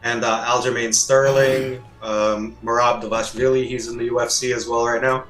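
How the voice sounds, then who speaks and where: A man in his fifties chatting on a podcast, speaking haltingly with many pauses and restarts. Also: mid-range voice, little pitch movement, a bit bright, faint music behind. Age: 50s. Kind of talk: casual chat. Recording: roomy echo.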